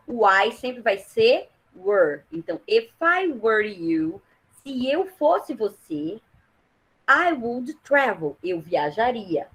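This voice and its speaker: A woman's voice: on the high side, fairly bright tone, low-quality recording. A woman teaching English grammar in Brazilian Portuguese, explaining step by step and checking that her students follow. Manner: patient, checks understanding with quick questions.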